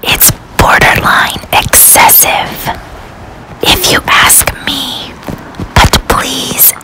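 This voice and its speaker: A woman's voice: drawn-out words, low-quality recording. A woman whispering ASMR commentary with dry humor while riding a subway train. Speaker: host.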